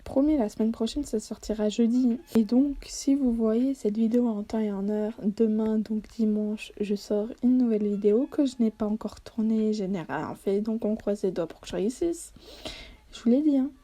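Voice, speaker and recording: Dark-voiced woman, casual and self-deprecating. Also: a little high, normal speed. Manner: self-deprecating, hesitant with many fillers. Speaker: vlogger. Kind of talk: casual voice-over for a study-with-me video.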